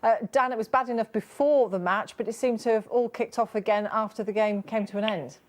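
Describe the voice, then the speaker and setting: A woman's voice: a little high, fairly even intonation, fairly quick. A British woman hosting a live news programme, introducing reports and putting questions to reporters. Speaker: news presenter.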